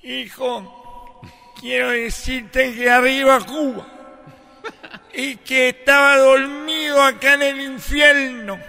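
A very high, gravelly ghost of an old father, dragging every word out slowly. His voice rings with a long reverb echo as if from a vast hall. Soft music plays underneath. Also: heavily acted. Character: dead old father ghost speaking from hell.

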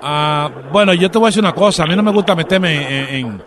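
A man's voice: on the high side, quick pace, lightly acted. A man playing a stern, hot-tempered uncle on a prank phone call, pushy and accusing. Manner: pushy, accusing, swears when riled. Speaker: radio prank caller. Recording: noisy phone line.

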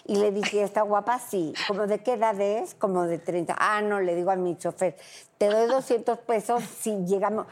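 A woman's voice: medium pitch, normal speed, a little mellow. A middle-aged woman with a Mexican accent, a brash panel guest who tells stories and acts out the dialogue. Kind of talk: casual panel chat, storytelling.

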